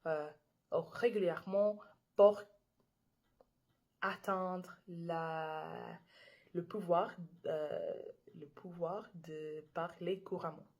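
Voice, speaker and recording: A young woman reading scripture aloud in French with an English-speaking learner's accent. She reads carefully, halting and correcting herself. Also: on the low side, steady tone, a little mellow. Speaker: Bible reader and video creator.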